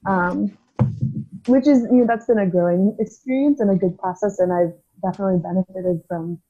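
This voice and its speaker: A woman's voice: medium pitch, a little fast, dark tone, husky, soft background music. A woman in her twenties, a physical therapy student and podcast guest, talking frankly and thoughtfully in casual conversation, laughing easily. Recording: tinny phone-like line.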